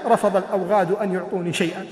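A male preacher with a very high, quick voice delivers an emotional sermon, swinging into sung and shouted cries. The sound carries a long echo, as if from a large hall. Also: steady tone. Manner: dramatic, chanting rises into near-shouting. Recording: echoey hall recording.

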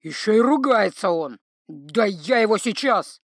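A woman voicing a big, hot-tempered young male troll who talks gruff, loud and slow. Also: medium pitch, expressive, no room sound, clean studio sound. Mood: outraged.

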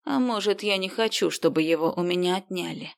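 A woman's voice: fairly low pitch, vocal fry. A woman voicing a smug, wealthy man who speaks in a condescending, smirking way. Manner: condescending, slow smirking delivery.

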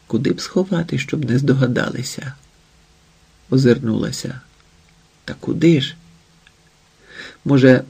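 A man reading an audiobook in a quiet, intimate, unhurried way. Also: mid-range voice, vocal fry, slightly rough. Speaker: audiobook narrator. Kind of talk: scripted narration.

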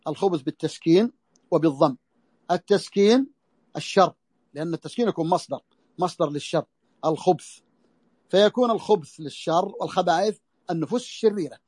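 Male religious teacher, quick delivery, dry recording, repeats key phrases. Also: high voice, a little mellow, no echo. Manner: repeats phrases slowly for emphasis. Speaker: Islamic scholar teaching a text. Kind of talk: religious lesson. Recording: audio lesson over the internet.

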